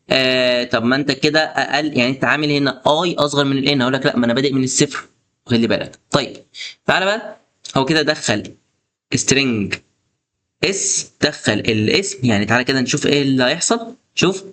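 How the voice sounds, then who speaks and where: A man's voice: mid-range voice, a bit bright. A man with an Egyptian Arabic accent giving a casual coding lesson, chatty and coaxing as he talks the viewer through each step. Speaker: programming tutor.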